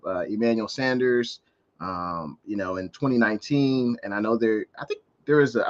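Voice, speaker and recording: A man's voice: medium pitch, a bit bright, lo-fi sound. An American man hosting a live sports call-in show, explaining and commenting in a casual, conversational way.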